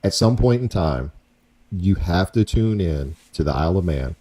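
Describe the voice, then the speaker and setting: A man's voice: deep voice, animated, moderate pace, mellow, husky. A man hosting a podcast in a casual, rambling way, often repeating himself. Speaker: podcast host. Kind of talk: casual chat.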